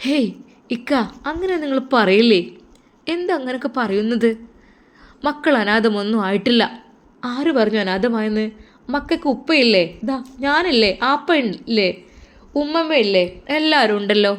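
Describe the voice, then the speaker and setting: Consoling younger brother, soft and reassuring, voiced by a woman. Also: fairly high pitch, lively intonation, normal speed, pauses often, close to an everyday voice. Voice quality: soothing, reassuring. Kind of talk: storybook narration.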